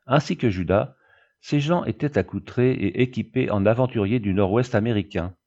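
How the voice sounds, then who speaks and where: A man reading a novel aloud in a measured, even narration. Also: lowish voice. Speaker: audiobook reader. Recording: dull lo-fi recording.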